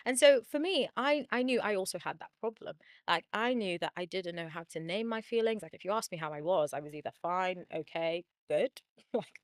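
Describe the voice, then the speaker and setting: A chatty woman therapist who also hosts a channel talks casually to the camera, speaking quickly, laughing often and saying "like" a lot. Her voice is medium-pitched, and the sound is very dry with no echo.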